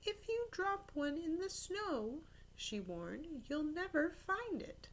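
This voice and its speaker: A woman teacher reading a picture book aloud to children in an expressive storytelling style, with casual explanatory asides. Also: extremely high pitch, slow pace, slight background noise. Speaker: third grade teacher reading to pupils.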